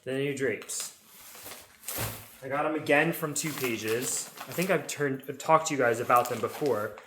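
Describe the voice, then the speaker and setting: Over some background noise, a man with a mid-range voice vlogs about his home makeover at a measured pace. He explains things casually and chattily, tossing informal asides to his viewers.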